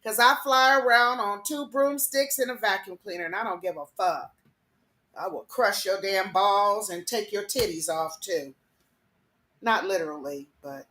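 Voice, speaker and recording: A woman with a fairly high voice hosts her own radio show, ranting in a heated, emphatic, profane monologue. The recording is roomy and echoey. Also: a bit bright. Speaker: internet radio host. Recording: echoey room.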